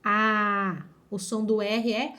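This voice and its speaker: Slow, patient teacher woman. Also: mid-range voice, flat delivery, bright, forceful tone. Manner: slow, drawn-out syllables with frequent checking questions. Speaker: primary school teacher. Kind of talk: online phonics lesson.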